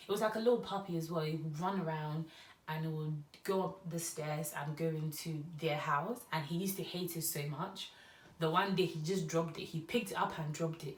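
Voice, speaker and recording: A woman's voice: low voice, echoey room, distant mic. A young woman from Ghana with a Ghanaian English accent tinged with Nigerian touches, chatting and rambling through a get-to-know-me vlog. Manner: chatty, rambling, animated storytelling. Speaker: YouTuber.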